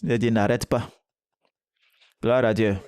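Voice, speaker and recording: A man's voice: mid-range voice, fairly even intonation, a little slow, darkish tone, clear, resonant tone, no echo, studio quality. A man preaching a sermon, emphatic and exhorting, with short repeated calls to the listeners.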